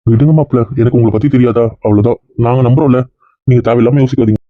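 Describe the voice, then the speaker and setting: A man plays an elderly grandfather who soothes the family and talks quickly. His voice comes through thin and tinny, like over a phone line. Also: medium pitch, fairly even intonation, dry recording, lightly acted. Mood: reassuring. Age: older.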